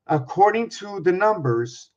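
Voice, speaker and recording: A man's voice: high-pitched, expressive, unhurried, a little mellow. A man in his sixties giving a rambling explanatory monologue, working through sums aloud, pointing at objects and putting questions to the viewer. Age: 60s. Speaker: numerology speaker. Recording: dull lo-fi recording.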